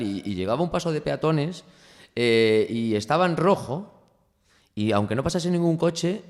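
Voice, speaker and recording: Reflective man with a lively voice. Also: long reverb tail. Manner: reflective, lively pitch, shares anecdotes. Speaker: podcast host. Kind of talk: casual interview conversation.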